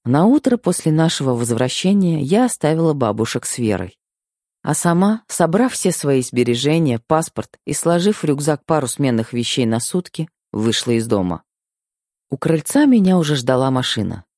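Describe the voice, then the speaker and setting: A man reading a first-person novel aloud as an audiobook narrator, in steady storytelling. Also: on the high side, moderate pace, no room sound, clean studio sound.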